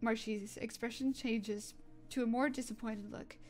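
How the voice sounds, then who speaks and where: A woman's voice: a little high, fairly even intonation, a little slow, darkish tone. A young woman casually narrating a role-play story, stumbling into fillers and restarts. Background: faint music.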